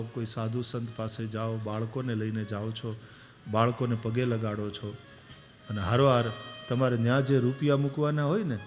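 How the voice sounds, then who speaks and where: A man giving an animated devotional sermon, telling stories and moving from soft to loud. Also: mid-range voice. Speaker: katha preacher. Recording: long echo of a large hall.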